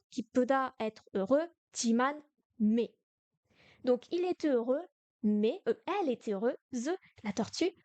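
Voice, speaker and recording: A woman teaching a beginner Korean lesson in French on a live stream, explaining slowly, repeating words and correcting herself. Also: high-pitched, no echo.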